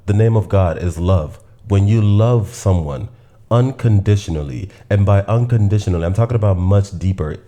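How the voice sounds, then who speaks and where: A man from Nigeria, hosting his own show, delivering an earnest, preacher-like spiritual monologue with long rhythmic lists and slow, drawn-out emphasis on key phrases. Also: lowish voice, mellow. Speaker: host.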